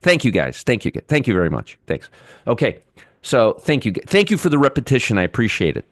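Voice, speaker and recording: A man's voice: mid-range voice, wildly swooping pitch, a little fast, no echo, clean studio sound. A middle-aged man hosting a live trading show, giving market commentary and answering chat viewers by name, often repeating himself.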